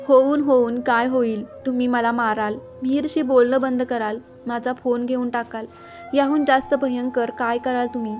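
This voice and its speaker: A weary, long-suffering mother, as a woman narrator reads her answers back quietly and defiantly. Her voice is high and flat. The recording is muffled, with faint music behind. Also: normal speed, close to an everyday voice.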